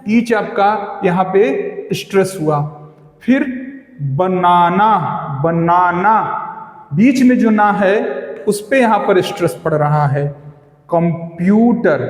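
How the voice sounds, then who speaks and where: A man with an Indian accent teaching an online lesson, explaining slowly and repeating himself while quizzing the viewer. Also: sits high, darkish tone. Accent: Indian English. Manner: slow, repetitive, quizzing the viewer. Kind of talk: video lesson, mixing Hindi and English. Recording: echoey room with long reverb.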